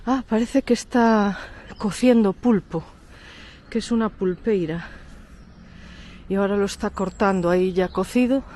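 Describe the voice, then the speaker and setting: A woman's voice: medium pitch, a little slow, long pauses, mellow. Nasal, congested woman vlogging. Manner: chatty, pointing things out as she walks. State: stuffy cold, congested. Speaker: travel vlogger, host. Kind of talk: casual guided tour. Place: outdoors in a village.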